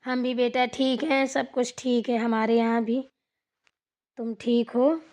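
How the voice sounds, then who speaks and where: A woman voicing a slow grumbling village saas. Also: a little high, level tone, darkish tone, natural voice. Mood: friendly. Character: middle-aged village mother-in-law, grumbling. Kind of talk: cartoon voice acting.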